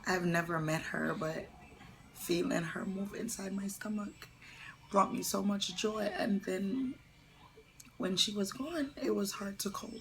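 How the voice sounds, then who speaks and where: Slow, gravelly-voiced young woman vlogger. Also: medium pitch, background noise. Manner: soft, halting, often slipping into a whisper; tearful and earnest. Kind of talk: personal story vlog.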